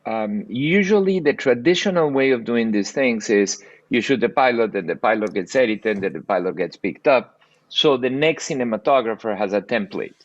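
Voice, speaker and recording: An older man from South America, a cinematographer telling stories on a video call interview, animated with frequent restarts. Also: moderate pace, no room sound, dull audio. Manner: animated storyteller, lively pitch swings, frequent restarts. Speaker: cinematographer guest. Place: bright home room by window. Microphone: earbuds on video call.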